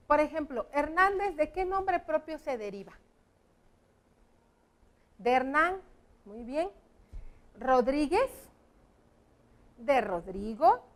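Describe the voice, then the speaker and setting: A woman, a primary school teacher on an educational TV lesson, patiently explaining spelling rules step by step to children. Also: high-pitched. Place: TV classroom set with a whiteboard.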